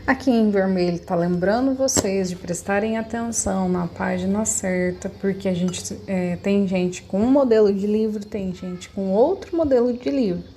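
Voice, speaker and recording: A woman's voice: medium pitch, moderate pace, hardly any pauses, mellow, slight background noise. A woman, a schoolteacher patiently explaining lessons step by step to children over a computer mic. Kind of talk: remote class instructions.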